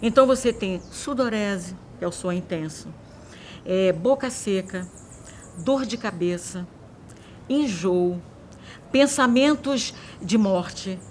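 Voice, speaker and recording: A woman's voice: mid-range voice, slow, slight background noise. A woman speaking as a doctor in a documentary interview, explaining in a hesitant, vivid way. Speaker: doctor interviewed on mental health.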